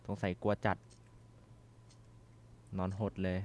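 A young man commentating a horror game as he plays, swearing and shouting when startled. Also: takes it slowly, slight background noise. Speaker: gaming streamer.

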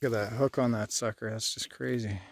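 Out on wooded, rocky hillsides looking for shed antlers, a Canadian outdoor vlogger in his thirties gives casual, excited commentary full of folksy slang. He speaks briskly at a medium pitch with fairly even intonation, captured on a noticeably noisy handheld recording.

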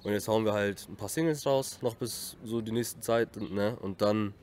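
A man's voice: fairly low pitch, normal speed, a little mellow. Young man with a Russian accent. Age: young adult. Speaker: interviewed rapper. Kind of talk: casual interview chat with slang. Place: outdoors in a leafy park. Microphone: shared handheld interview microphone. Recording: faint outdoor background noise.

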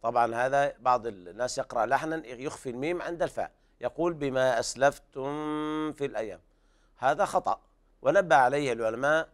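A man teaching Quranic recitation rules on television, stretching each recited phrase out slowly, then explaining it in a careful, didactic way. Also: medium pitch. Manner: slow drawn-out recitation between brisk explanations. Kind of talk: tajweed lesson, recited verses with explanations. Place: television studio.

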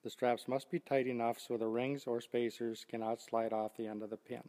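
Older male demonstrator, scripted instructional read, steady and methodical, voice carries a lingering reverb. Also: medium pitch, moderate pace. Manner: steady, methodical step-by-step explaining. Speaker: product demonstrator.

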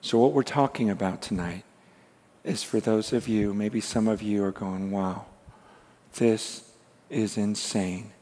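A man preaching a passionate sermon, dropping to a hush and rising loud again. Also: on the low side, normal speed. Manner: passionate, swings between hushed and loud. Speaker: pastor. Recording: long hall reverb.

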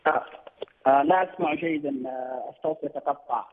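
A man speaking as a guest over a remote link whose call line keeps cutting out, hesitant and full of drawn-out fillers. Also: on the high side, a crowd in the background. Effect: call line cutting out, patchy connection. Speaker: spokesman interviewed as a guest. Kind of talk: remote news interview. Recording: tinny phone line with echo.

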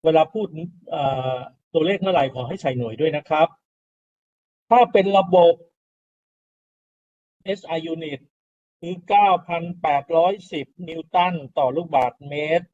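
A man's voice: a little high, unhurried, long pauses, mellow. Lo-fi recording of a lecturing man. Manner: explanatory, repeats key terms, rhetorical questions to students. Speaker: university lecturer. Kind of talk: classroom lecture on soil mechanics. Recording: dull lo-fi classroom recording.

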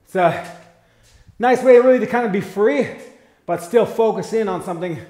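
A man's voice: high voice, moderate pace, darkish tone. A middle-aged man coaching a guided boxing workout with short cues and casual encouragement while exerting himself. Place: small bare concrete-block garage gym. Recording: roomy echo, some background noise.

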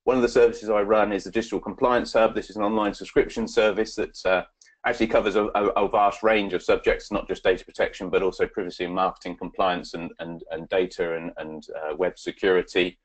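In a deep, level voice, a man gives a webinar talk and responds to questions, though his delivery halts often with fillers and restarts.

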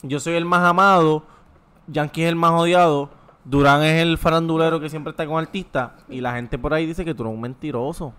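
A man's voice: a little high, fairly even intonation, fairly quick, fairly bright tone, clear, resonant tone. A man, co-hosting a podcast and teasing the others with questions. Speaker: podcast co-host. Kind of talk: casual chat.

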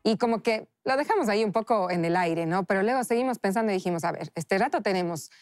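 A woman from Ecuador speaks with a Cuenca accent, in a chatty, lively way, with frequent laughs and quick repeated words. Her voice sits at a middle pitch and sounds dry and close to the mic, recorded in a studio. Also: no echo. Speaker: chef and guest. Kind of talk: casual interview chat.

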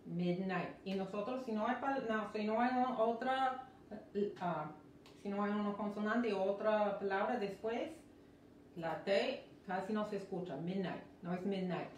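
Slow, repetitive woman teacher, roomy echo. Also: mid-range voice, slight background noise. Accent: American English when modeling words. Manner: explains slowly, repeats each word several times. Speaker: English teacher. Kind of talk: live-streamed language lesson. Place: indoor room, live stream. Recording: roomy echo from a distant mic.

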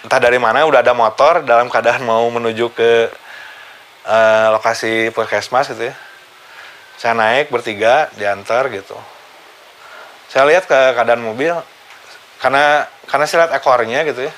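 A man, casually recounting a personal story for his vlog, animated and chuckling now and then. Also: mid-range voice, normal speed, long pauses, slight background noise. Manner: animated, chuckles while telling, acts out the quoted voices. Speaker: vlogger recounting his accident.

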